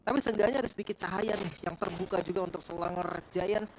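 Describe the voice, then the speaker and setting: A woman's voice: fairly low pitch, steady tone, fast. A woman giving conversational, analytical esports commentary, explaining the play in an informal way. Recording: clearly noisy game broadcast.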